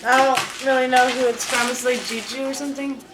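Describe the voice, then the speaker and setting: A young woman with a high voice vlogs from a room at home, chatting casually during an unboxing of beauty products. She speaks fairly quickly in a steady tone with lots of fillers, and the echoey room has faint noise.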